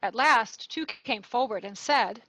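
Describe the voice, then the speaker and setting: A woman narrating a gospel reading in a church service, clear and measured. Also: on the high side, a bit bright, dry recording, low-quality recording. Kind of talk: liturgical scripture reading.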